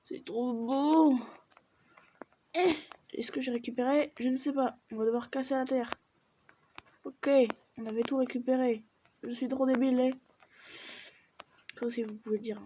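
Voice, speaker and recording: A gaming video creator narrates a video game in a loose, chatty let's-play style, her high-leaning voice moving at a moderate pace with frequent pauses. She often sinks into a near-whisper while muttering to herself. The audio is muffled and lo-fi, with a steady noise running underneath.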